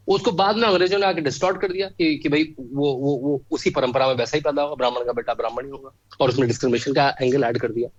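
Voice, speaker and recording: A man's voice: fairly high pitch, breathy edge, muffled recording. A man speaking as a guest in a conversation, giving emphatic political commentary and stacking up long lists of examples. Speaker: guest, author.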